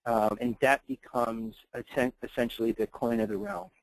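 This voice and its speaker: A man of middle pitch explains trial rules in a live webinar Q&A, stopping often to restart his sentences with "um" and "uh." The sound is dry and close, with no room echo at all. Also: steady tone, moderate pace. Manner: hesitant, many fillers and restarts. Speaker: clinical trial expert answering questions.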